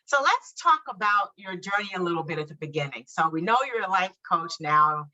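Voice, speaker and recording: Bright-voiced upbeat woman host. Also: fairly low pitch, lively intonation, a little fast, muffled recording. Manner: upbeat, chatty, laughs often. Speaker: podcast host. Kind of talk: live-streamed interview podcast.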